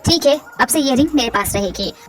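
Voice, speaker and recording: A woman's voice: sits high, lively intonation, brisk, soft background music, voice pushed down. A woman voicing a bossy rich college guy. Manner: commanding, threatening. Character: possessive rich young college man. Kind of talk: amateur fan dub.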